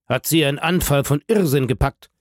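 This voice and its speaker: A man plays a stern court president, using a voice on the high side that's pitched above his own yet close to an everyday voice. He speaks at normal speed, recorded dry with clean studio sound.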